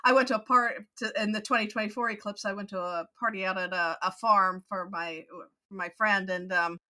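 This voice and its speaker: A woman co-hosting a podcast in casual chat, agreeable and quick to laugh. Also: medium pitch, fairly even intonation, bright, forceful tone. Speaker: podcast co-host.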